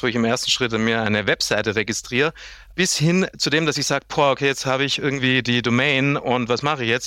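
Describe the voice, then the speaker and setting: A man's voice: mid-range voice, no echo, clean studio sound. A man in his thirties from Germany, a sales director chatting as an interview guest and explaining his work at length, acting out what clients say. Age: 30s. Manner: lively, explains at length with acted-out client quotes. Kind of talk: casual interview chat.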